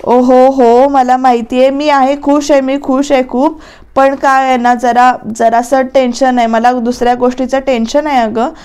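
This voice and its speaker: Woman doing a chatty young man in love, rambling, high-pitched. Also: little pitch movement, moderate pace, a little mellow, clear, resonant tone, natural voice. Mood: worried. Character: young man, newly in love, worried about work.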